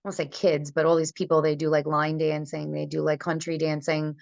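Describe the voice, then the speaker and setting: Female singer guest on a conference call, low-pitched, chatty, dull dry line. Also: little pitch movement, fairly quick, gravelly, a little mellow, no echo. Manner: chatty, loose, many fillers. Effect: heard over a conference call, audio breaking up. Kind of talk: casual remote interview.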